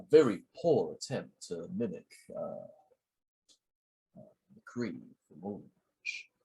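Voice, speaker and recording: A man with a low, husky voice talks through a casual solo podcast monologue. He speaks hesitantly, filling pauses and restarting his sentences as he goes. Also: poor audio. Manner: hesitant, many fillers and restarts. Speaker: podcast host.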